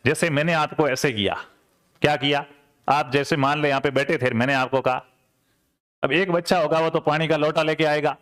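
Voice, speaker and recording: A man's voice: on the high side, fairly even intonation, normal speed, fairly bright tone. A man, teaching an exam-prep lecture conversationally and repeating key terms with rhetorical check-ins. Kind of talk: classroom lecture.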